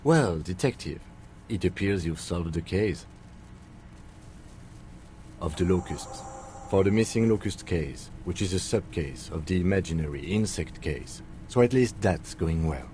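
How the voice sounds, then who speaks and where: A man plays a composed police lieutenant from a video game, speaking in a low, warm voice with dry, deadpan wit. He stays measured and calm throughout, with faint noise in the background. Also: close to an everyday voice.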